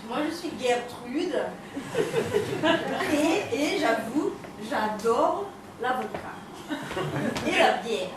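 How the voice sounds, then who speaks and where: A woman's voice: sits high, sing-song, extremely slow, long pauses, a crowd in the background, full character voice. An improv actress dubbing a drunken wife who insists she is a German woman, tipsy and stubborn, on a theater stage. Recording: echoey stage heard from far off, with audience noise.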